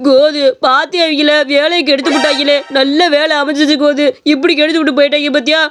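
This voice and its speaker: In a cartoon story, a man gives voice to a hot-headed young man overwhelmed by love, wailing dramatically. His very high-pitched voice has a flat delivery, a brisk pace and a slightly bright tone. The recording carries audible hiss.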